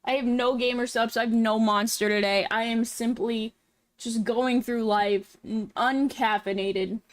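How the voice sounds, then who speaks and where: A woman hosting a casual livestream, chatting in a cute, animated anime-streamer way with drawn-out words. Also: fairly high pitch, no room sound. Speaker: VTuber livestream host. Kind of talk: casual livestream chat while drawing.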